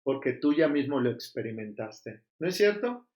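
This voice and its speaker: A man's voice: mid-range voice, very animated, moderate pace, a little mellow, echoey room, lo-fi sound. A man preaching a sermon as pastor, emphatic and full of rhetorical questions.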